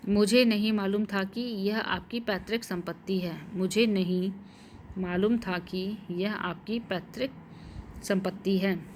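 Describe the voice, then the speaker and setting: A woman teaching Hindi spelling and grammar, slowly repeating each word and correct sentence and spelling out the vowel marks. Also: medium pitch, steady tone, a little mellow, slight background noise. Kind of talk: slow dictation-style lesson.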